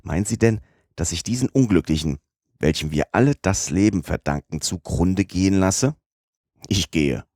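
A man voicing a stiff, calm middle-aged English gentleman in an audiobook, speaking in a cool, terse, formal way. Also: sits low, normal speed, no echo, studio quality, close to an everyday voice. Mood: firm. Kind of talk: audiobook character voice.

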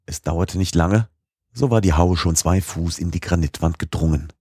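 A man narrating a classic novel as an audiobook in a measured, steady manner. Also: deep voice, breathy edge, dry recording, clean studio sound.

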